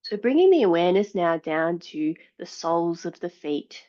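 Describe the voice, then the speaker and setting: Low-voiced and soothing, this yoga instructor guides meditation and poses at a calm, steady pace, captured with lo-fi sound quality.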